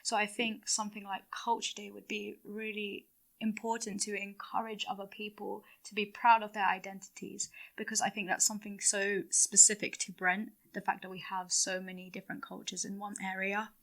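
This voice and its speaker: A woman's voice: medium pitch, little pitch movement, normal speed, a bit bright. A teenage female student speaking thoughtfully and asking questions in a school podcast discussion. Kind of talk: casual discussion.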